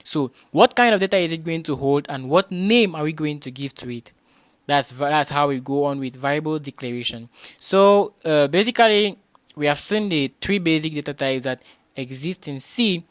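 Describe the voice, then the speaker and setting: A man tutoring beginners in programming, patiently repeating each point and often pausing with hesitations and restarts. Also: on the high side, expressive, a bit bright, dry recording. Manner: patient and repetitive, restates points with rhetorical questions.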